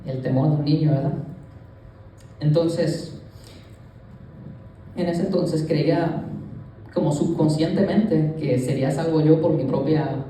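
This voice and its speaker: A young man from Puerto Rico, serving as a youth leader, gives an earnest testimony to his church congregation, speaking to them directly. His fairly high, mellow voice keeps fairly even intonation at a slow pace with long pauses, recorded from a distance in an echoey sanctuary with slight background noise.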